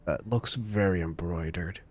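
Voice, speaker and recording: A man's voice: deep voice, unhurried. A man playing a video game and chatting casually as he goes. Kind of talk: casual gameplay chat. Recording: faint game music behind.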